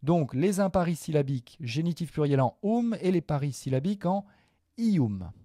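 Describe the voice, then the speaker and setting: Guy teaching latin declensions, patient, slightly high but dark mellow voice, dry close sound. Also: lively intonation, no echo. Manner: patient, repeats forms slowly with fillers. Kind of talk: explaining grammar to viewers.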